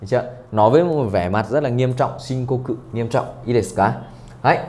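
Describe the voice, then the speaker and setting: A man's voice: mid-range voice, expressive, quick pace, a little mellow. A young man teaching a Japanese exam-prep lesson online. He keeps checking in with his students and mixes Japanese phrases into his talk.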